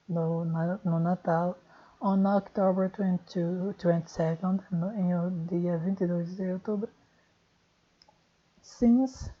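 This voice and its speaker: A woman with a Brazilian Portuguese accent gives an online English lesson at an unhurried pace. Her voice is a little breathy, and she thinks aloud, often stopping to fix what she just said. The recording sounds dull and lo-fi. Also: mid-range voice, dark tone. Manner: thinks aloud, corrects herself mid-sentence. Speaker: English teacher.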